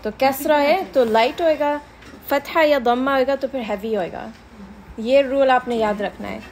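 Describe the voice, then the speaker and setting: Woman teaching a class, patient, repeats stuff slowly, bit of hiss behind. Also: high-pitched, darkish tone. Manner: patient, mixes Hindi-Urdu with English, repeats examples slowly. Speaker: Quran recitation teacher. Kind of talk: class lesson.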